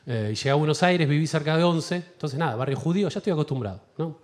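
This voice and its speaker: A man with an Argentine accent doing a stand-up comedy set in a theater, telling animated stories and acting out voices. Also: fairly high pitch, quick pace. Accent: Argentine Spanish. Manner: animated storytelling with acted-out voices. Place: large theater with live audience.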